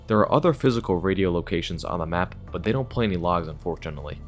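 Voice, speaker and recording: A man's voice: low-pitched, animated, quick pace, over loud music. A man hosting a gaming video, reading scripted retrospective narration in a casual, enthusiastic way.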